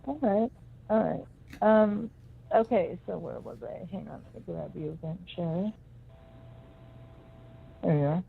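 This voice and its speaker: A woman's voice: lowish voice, unhurried, vocal fry, pauses often. A woman on a crackly phone line that cuts in and out, giving a caller an intuitive reading in a searching, hesitant way with many restarts. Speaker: co-host giving psychic readings.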